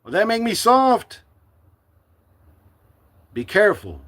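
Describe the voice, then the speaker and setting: A middle-aged man from the United States speaking to his livestream viewers in a forceful, defiant, preachy monologue. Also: sits high, huge pitch swings, slow. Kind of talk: impassioned live-stream monologue.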